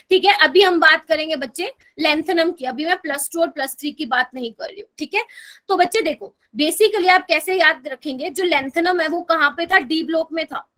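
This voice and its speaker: A woman with a high voice teaches a chemistry lesson online. She speaks with a Hindi accent. She walks through each step and keeps asking her students whether they are following. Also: pushed and bright. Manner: explains step by step, asks students to confirm with "okay?". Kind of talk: online class lecture.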